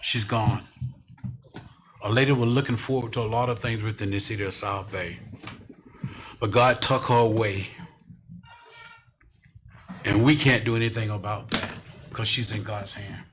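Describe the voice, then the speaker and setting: A man's voice: lowish voice, steady tone, normal speed, long pauses, noisy background. A man chairing a city commission meeting as mayor, emotional and tearful, often repeating his words. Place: council chamber.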